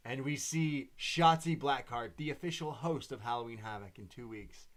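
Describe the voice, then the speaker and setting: A man co-hosting a wrestling podcast, retelling a show in quick, animated play-by-play. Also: medium pitch. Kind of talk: casual show recap chat.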